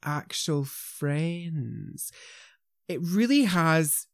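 A man hosting a veterinary podcast, chatty and animated as he tells stories. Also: fairly high pitch, very slow, creaky, dry recording, clean studio sound. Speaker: podcast host, vet. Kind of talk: casual podcast chat.

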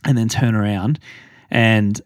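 Low-voiced man, casual rambling. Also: fairly even intonation, measured pace, no room sound, clean studio sound. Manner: rambling storytelling with many fillers. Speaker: podcast co-host. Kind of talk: casual chat.

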